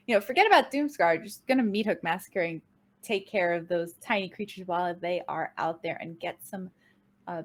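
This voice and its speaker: A woman casting a card game match, giving play-by-play commentary with an upbeat manner and quick swings in pitch and tempo. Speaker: game caster.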